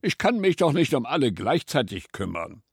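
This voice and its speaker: A man voicing a calm, caring mother hare in a storybook reading. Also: mid-range voice, normal speed, creaky, husky, dry recording, clean studio sound, voice pushed up, exaggerated voice. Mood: explaining.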